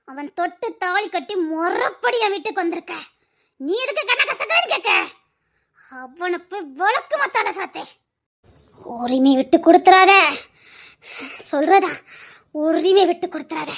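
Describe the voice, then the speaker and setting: A woman's voice: very high-pitched, animated, moderate pace, a bit bright, full character voice. An actress playing a bitter, abandoned middle-aged wife who lectures emphatically and repeats her warnings, in serial drama style. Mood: urging. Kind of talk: Tamil serial drama acting.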